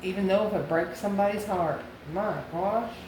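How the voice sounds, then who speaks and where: Speaking at a normal speed, this mid-range female voice keeps a fairly even intonation as she offers an intuitive tarot reading to the viewer. She's a US tarot reader and channel host who thinks aloud in brief, repeated phrases and questions, recorded in an echoey room with audible background noise.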